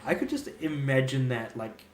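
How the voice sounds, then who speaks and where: A young Australian gamer chats at normal speed in a medium-pitched voice, wandering from thought to thought in a relaxed, self-amused manner. The recording has an echoey room and a slight hiss or hum.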